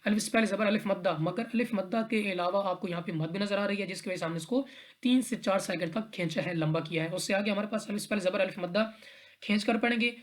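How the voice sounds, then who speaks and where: A woman's voice: mid-range voice, fast talker. A woman teaching tajweed, explaining recitation rules one letter at a time in a patient, repetitive way. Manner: patient, step-by-step, repeats rules and checks in with "theek hai".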